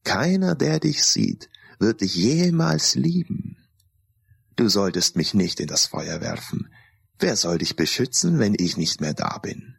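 A man's voice: fairly low pitch, big pitch swings, measured pace, creaky, slightly rough, pitched above the performer's own voice, full character voice. A man voicing a scornful, manipulative talking mask in an audiobook, taunting and threatening. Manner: taunting, then dark and threatening. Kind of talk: audiobook character voice.

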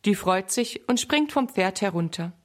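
A woman calmly narrating a scripted children's story. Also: medium pitch, normal speed.

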